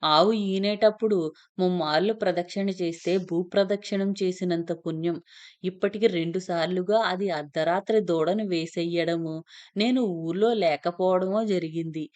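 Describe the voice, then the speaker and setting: Woman voicing a pious older mother-in-law, hurried, bossy, storybook reading. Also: fairly low pitch, darkish tone, natural voice. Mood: eager.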